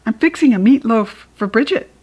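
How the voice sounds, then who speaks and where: A woman voicing an eager, helpful young boy in an animated storytime reading. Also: fairly high pitch, moderate pace, breathy edge. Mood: eager, dutiful.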